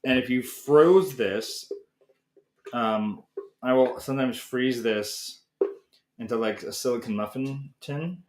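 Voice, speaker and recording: A man hosting a live cooking stream from his home kitchen, talking casually and rambling as he works. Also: mid-range voice. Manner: chatty, rambling, self-correcting. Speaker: cooking show host. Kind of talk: casual live cook-along chat. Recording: echoey kitchen with noisy background.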